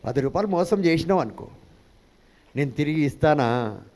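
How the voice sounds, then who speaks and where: A man's voice: fairly high pitch, animated, normal speed, a little mellow. A male pastor preaching a sermon, calling out to the congregation for responses and dropping in English phrases.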